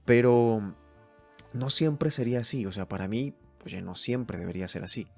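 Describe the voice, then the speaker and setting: A man's voice: mid-range voice, normal speed, a little mellow, soft background music. A man from Venezuela hosting a solo podcast, thinking aloud as he reads points from a list and comments on each one. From Mérida, Venezuela. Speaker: podcast host. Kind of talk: solo reflective podcast chat.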